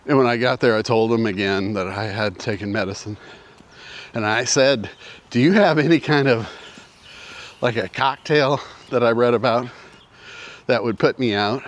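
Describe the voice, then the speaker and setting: A man in his sixties telling a personal story in a casual, rambling way, out of breath and often repeating himself. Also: on the low side. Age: 60s. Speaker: vlogger. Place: outdoors with mountains in view.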